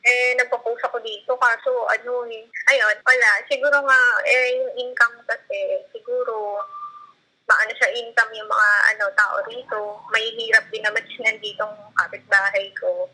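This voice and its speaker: Woman, 30s, from the Philippines, former tutor; very bright, slightly high voice; hesitant, filler-heavy casual talk. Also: fairly even intonation, normal speed, low-quality recording. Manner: hesitant, searching for words, frequent fillers, laughing. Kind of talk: casual conversation.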